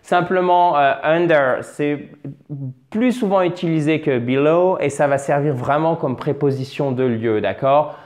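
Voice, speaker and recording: A man's voice: a little high, a little mellow. Talkative male English teacher. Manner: patient, repeats and drills English words slowly; chatty asides, self-corrections. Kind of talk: French-language English lesson at a board.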